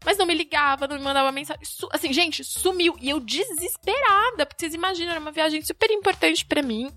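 A Brazilian woman telling a personal story in casual chat, acting out the quoted lines with lively energy. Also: high-pitched, quick pace, soft background music. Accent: Brazilian Portuguese. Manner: animated, acts out quoted dialogue. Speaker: storyteller guest.

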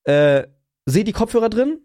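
A man's voice: high-pitched, moderate pace. A young man, co-hosting a casual podcast and animatedly acting out a story. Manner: animated storyteller, acts out quoted dialogue. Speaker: podcast co-host.

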